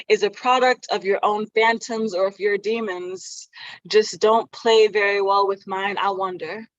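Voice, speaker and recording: A woman recites spoken word poetry over a group video call, deliberate and searching. Her voice is at an ordinary pitch for a woman. The audio is dry and muffled. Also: a bit bright, dry recording. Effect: heard over a group video call. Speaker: performing poet.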